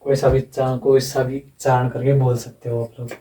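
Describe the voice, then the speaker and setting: A man giving a phonetics lesson, slowly repeating sounds and words while he explains. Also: mid-range voice, little pitch movement, mellow, far from the mic, poor audio. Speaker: teacher.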